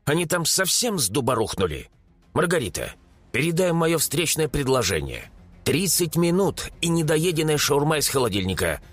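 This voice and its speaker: Narrator doing a cocky young mage guy, mocking and impatient, slightly husky. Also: a little high, very animated. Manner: mocking, impatient, quick retorts. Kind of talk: audiobook character voice.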